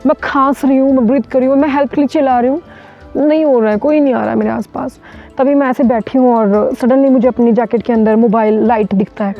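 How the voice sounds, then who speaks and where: This interview features an Indian woman mountaineer urgently and vividly recounting an ordeal, full of restarts. Her pitch is fairly high and her intonation fairly even, at a quick pace. The lo-fi recording sounds dull, with faint music in the background.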